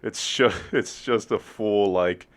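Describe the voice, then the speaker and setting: A young man with a low, deep voice chatting on a casual podcast. He talks in a laid-back, hesitant way, often pausing on ums and uhs. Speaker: podcast co-host.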